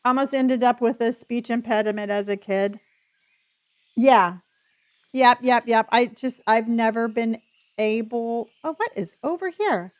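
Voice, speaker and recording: A woman's voice: on the high side, measured pace. A woman live streamer chatting casually with her viewers while gaming, with a speech impediment on her R sounds. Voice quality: speech impediment, cannot pronounce R's. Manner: chatty, addresses viewers as honey.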